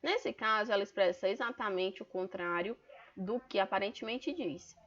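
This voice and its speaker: A woman's voice: mid-range voice, moderate pace, fairly bright tone. A Brazilian woman teacher with a Brazilian Portuguese accent, explaining a grammar lesson in an online class step by step and often checking in with her students. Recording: dull lo-fi online class audio.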